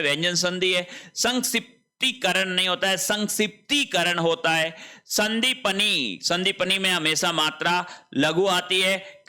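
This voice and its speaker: Bright-voiced man teaching Hindi spelling. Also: high-pitched, smooth. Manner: repeats each word, asks and answers his own questions. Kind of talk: online spelling lesson.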